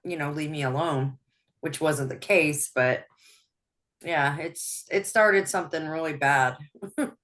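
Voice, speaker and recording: A woman with a low, deep-set voice speaks as an interview guest. She talks openly and haltingly, restarting her sentences and laughing often as she goes. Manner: open, laughs often, soft-spoken with frequent restarts. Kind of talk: personal interview.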